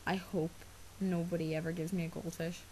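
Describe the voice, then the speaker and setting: A teen vlogger from an Irish-speaking background talks casually to camera with an Irish accent, rambling with lots of "likes" and "ums." Her voice is fairly low, mellow and level in tone, a little fast, and strained by a sore throat from a cough, on poor audio with a bit of hiss or hum.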